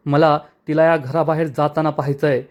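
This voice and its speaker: A man's voice: fairly high pitch, little pitch movement, normal speed, close to an everyday voice. Man putting on a scolding older aunt. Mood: stern. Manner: sharp, scolding.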